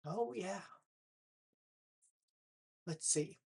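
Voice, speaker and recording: Slow, husky older woman questioning her viewers. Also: mid-range voice, dark tone. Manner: pointed rhetorical questions addressed to the viewer; sarcastic. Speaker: political vlogger. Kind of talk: direct-to-camera commentary.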